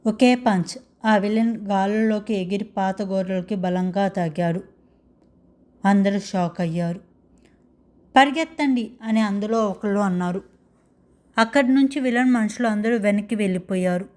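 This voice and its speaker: A woman's voice: mid-range voice, steady tone, moderate pace, a little mellow. Woman narrating a dramatic story. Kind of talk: scripted narration.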